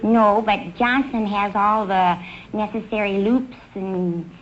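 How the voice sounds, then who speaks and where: A woman's voice: mid-range voice, steady tone, slow. A woman in her twenties with a childlike voice, answering a quiz host's questions hesitantly with many fillers. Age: 20s. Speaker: quiz show contestant. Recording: dull old broadcast with faint hiss.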